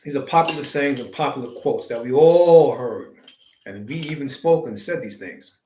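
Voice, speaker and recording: A man's voice: medium pitch, moderate pace, dark tone, slight background noise. A man hosting a live stream, giving a preachy spiritual monologue full of wordplay and rhetorical questions. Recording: roomy echo.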